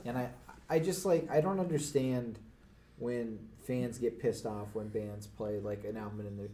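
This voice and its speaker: A man's voice: mid-range voice, normal speed, dark tone. A man co-hosting a casual podcast chat, stating his opinions emphatically. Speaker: podcast co-host.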